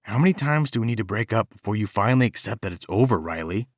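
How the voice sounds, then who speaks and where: A man's voice: mid-range voice, unhurried, dry recording, studio quality, pitched above the performer's own voice, natural voice. A male audiobook narrator voicing a weary, fed-up teenage boy who speaks bluntly.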